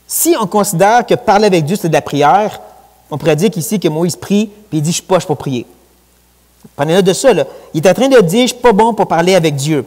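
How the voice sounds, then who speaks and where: A man with a Quebec French accent preaching a sermon in a church, lively and conversational, with colloquial asides. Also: sits high, brisk. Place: church sanctuary. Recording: long church hall reverb.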